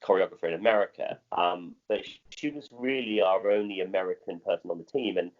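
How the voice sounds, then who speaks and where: Tiefe britische Männerstimme, stockend erzählend. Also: male voice, low voice, muffled recording. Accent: modern British. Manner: halting, often repeating and rephrasing phrases. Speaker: theatre director. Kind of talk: conversational interview answers.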